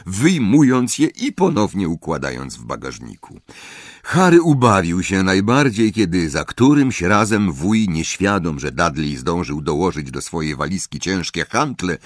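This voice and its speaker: Slow low-voiced male audiobook narrator. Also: no echo, clean studio sound. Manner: expressive storytelling. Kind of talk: scripted narration.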